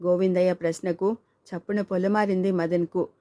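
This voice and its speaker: A woman's voice: fairly low pitch, little pitch movement, normal speed, warm tone, dry recording. A woman narrating a family story as an audiobook and voicing its characters in her own voice. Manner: reads all characters, male and female, in her own voice.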